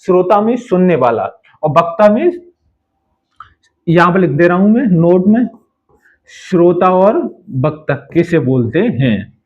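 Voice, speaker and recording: Man teaching a class, kinda high voice, keeps repeating stuff and quizzing students, muffled lo-fi audio. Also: animated, darkish tone. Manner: explains slowly, repeating terms and asking the class "क्या?". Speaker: Hindi teacher. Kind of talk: online class lecture.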